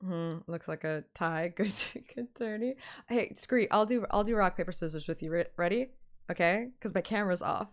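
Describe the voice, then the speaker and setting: A woman live streamer and fan reader chats casually and playfully with viewers in a lowish voice at a moderate pace. She's often giggly and interrupts herself as she talks.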